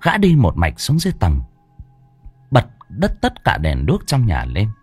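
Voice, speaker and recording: Husky guy reading a horror story, super expressive swoopy voice, faint music behind. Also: lowish voice, no room sound. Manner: dramatic, drawn-out delivery. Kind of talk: scripted horror narration.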